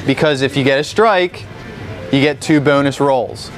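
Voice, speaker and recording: A man's voice: mid-range voice, unhurried, soft background music, some chatter behind. A young man giving a classroom-style lesson in a bowling alley, explaining step by step and checking in with the class after each point. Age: young adult. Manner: patient, step-by-step, checks in with "okay?" often. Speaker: instructor. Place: large indoor bowling alley. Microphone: far camera.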